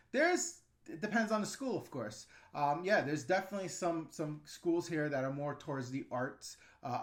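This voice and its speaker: A man in his thirties, originally from the New York and New Jersey area, hosts a casual livestream and answers chat questions. His voice sits a little high for a man, and he talks frankly and loosely, dropping ums and quick laughs as he goes. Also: a bit bright. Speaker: channel host answering live chat.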